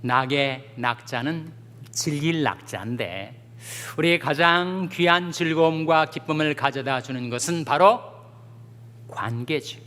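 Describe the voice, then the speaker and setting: A Korean pastor delivering a sermon, telling folksy jokes and stories, then reading scripture with rising fervor. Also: male voice, on the high side, unhurried, pushed and bright. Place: church sanctuary. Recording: long church reverb.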